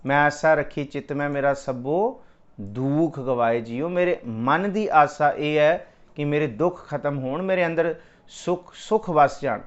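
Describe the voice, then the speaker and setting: A man giving a devotional sermon, explaining scripture and slowly chanting verses in a melodic voice. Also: fairly high pitch, lo-fi sound. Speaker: Sikh scripture preacher.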